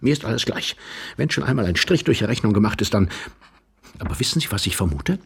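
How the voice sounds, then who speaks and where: A man voicing an agitated, mocking young man hiding under a bed, talking urgently and often in a hushed voice. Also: fairly low pitch, animated, fast, gravelly, slightly rough, exaggerated voice.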